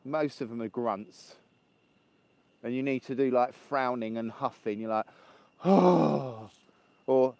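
A man's voice: medium pitch, darkish tone, dry recording, poor audio. An English man in his fifties from just north of London, chatting and joking with viewers on a live stream while walking outdoors in the cold. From England. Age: 50s. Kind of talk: casual live chat with viewers.

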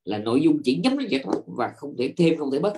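Male monk teacher, dharma lecture, pitch swings widely, asks the class rhetorical questions, stalls on repeated fillers. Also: big pitch swings, quick pace, background noise. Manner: repeats filler words while searching.

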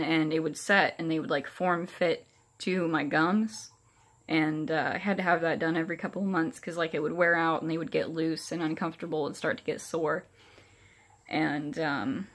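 A young adult woman giving a casual personal update to camera in a halting, hesitant way, with soft toothless articulation from having no upper dentures in. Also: on the low side. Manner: hesitant, halting delivery with many pauses. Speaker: vlogger. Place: small furnished room indoors. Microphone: phone or camera at arm's length.

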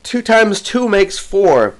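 A man's voice: high voice, big pitch swings, takes it slowly, pitched above the performer's own voice, exaggerated voice. A man voicing a hysterical, grieving poor mother who shrieks and pleads.

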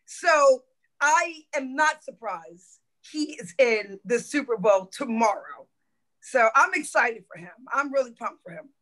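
A middle-aged woman, a former football coach, telling stories in a podcast interview, lively and swearing freely as she acts out quotes. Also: on the high side, a little slow, low-quality recording. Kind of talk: animated storytelling in a podcast interview.

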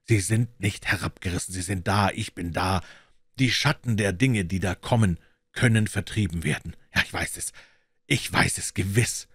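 A man's voice: low voice, moderate pace, a bit bright, husky, dry recording, exaggerated voice. A man voicing an overjoyed old male miser, exclaiming giddily in a storybook reading. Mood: fervent. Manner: exclaiming, breathless and giddy.

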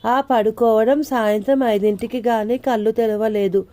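Mellow woman reading an audio novel. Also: on the high side, steady tone, normal speed. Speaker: narrator. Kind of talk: scripted narration of an audio novel.

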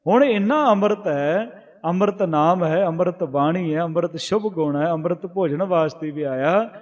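A high-voiced male preacher who stretches out the verses he recites before explaining them in everyday talk. The sound is dull and muffled, and a long reverb trails after each phrase. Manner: slow, drawn-out recitation of verses between plain explanation; addresses listeners directly with questions. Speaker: Sikh preacher giving scripture commentary. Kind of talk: sermon with chanted scripture lines.

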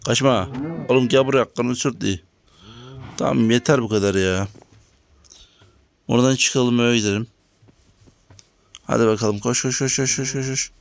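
Talking to his audience while he plays, this gaming channel host delivers relaxed let's-play commentary and grumbles at the lag. His mid-range voice is gravelly and steady, at a normal speed, with pauses coming often.

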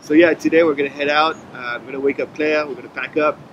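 This French-accented travel vlogger, a man in his thirties from France, talks quickly in a higher voice with lo-fi sound and a noisy background. Filming in his camper van and at a picnic table outside, he rambles casually, full of fillers, over background music.

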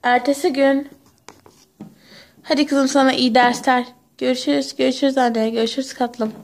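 A woman's voice: high-pitched, level tone, normal speed, a little hiss or hum. A young woman performing every part of a homemade pony toy story, switching between chatty playful character voices.

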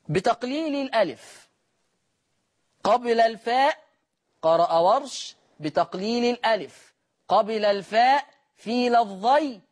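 An Egyptian-accented man leads a recitation class in a high, light voice for a man. He quizzes his listeners and then answers his own questions, and he slows right down to chant the quoted verses in long, drawn-out notes. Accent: Egyptian Arabic. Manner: asks the class questions and answers them himself. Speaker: Quran recitation teacher. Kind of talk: classroom lesson explaining recitation rules.

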